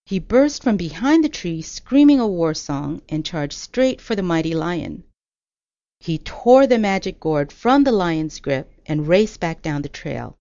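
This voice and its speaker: A woman narrating a folktale in a measured, expressive reading. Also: fairly low pitch, no echo. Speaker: storyteller. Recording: dull lo-fi audio.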